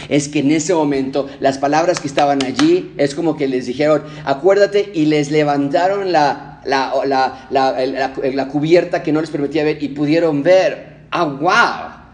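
A male pastor delivering a sermon, emphatic and rhythmic, swinging between raised declarations and hushed, low passages.

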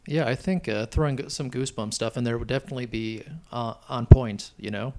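A man's voice: medium pitch, fairly quick, background noise. A middle-aged man chatting casually on a podcast, rambling and hesitant, with lots of fillers. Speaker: podcast co-host. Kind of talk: casual chat. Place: Chicago.

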